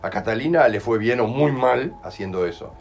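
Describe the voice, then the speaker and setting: A healing workshop leader with a Uruguayan Spanish accent addresses a small group in person, his medium-pitched voice animated and moderately paced. He speaks casually, acts out everyday examples, and often checks in with "¿entendés?" The recording is rough, with slight background noise.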